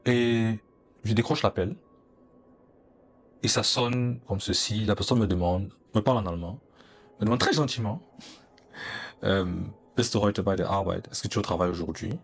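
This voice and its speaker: A man's voice: fairly low pitch, normal speed, pauses often, slight background noise. A young man, earnestly telling a personal story in an interview and acting out the dialogue. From Cameroon. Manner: earnest, recounting, acts out dialogue.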